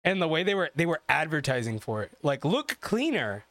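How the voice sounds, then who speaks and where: A man in his thirties co-hosting a podcast, chatting casually, blunt and animated, swearing freely. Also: a little high, a little fast, no echo. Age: 30s. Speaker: podcast co-host. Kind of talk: casual chat.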